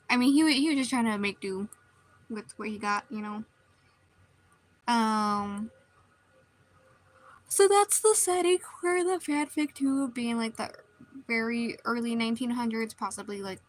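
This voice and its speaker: Woman streamer, slightly high voice, meandering casual chat over drawing, desk mic. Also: steady tone, moderate pace, fairly bright tone, rough recording. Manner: rambling, meandering, many restarts.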